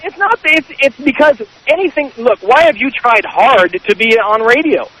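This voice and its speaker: A man's voice: very high voice, expressive, normal speed, sharp tone, breathy edge, rough recording. A young man calling in to a radio show, bluntly mocking and insulting the host. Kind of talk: heated phone-in argument.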